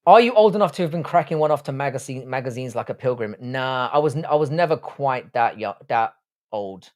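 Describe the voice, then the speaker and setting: A man's voice: mid-range voice, animated, brisk. A man in his thirties with a London accent, hosting a live stream and answering viewer comments in a blunt, profane, joking way. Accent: London English. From Ireland, raised in southwest London. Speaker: livestream host.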